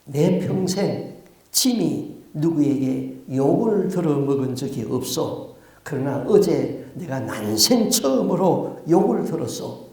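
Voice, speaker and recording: Pastor doing a low calm old king, kinda hushed, amused, super echoey hall. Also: exaggerated voice. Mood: gentle, pleased.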